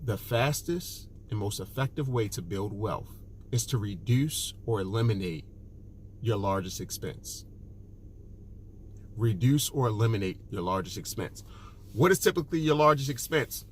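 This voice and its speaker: A man's voice: mid-range voice, expressive, normal speed, slight background noise. A man, a personal finance author, giving direct advice to the camera, emphatic and repeating his key points with frequent "okay" and "look".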